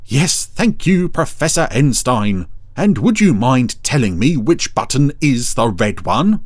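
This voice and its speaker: A man's voice: medium pitch, animated, measured pace, no echo, voice pushed up, lightly acted. A man voicing a haughty, pompous male dog who speaks in indignant, grand phrases, in a dry close recording.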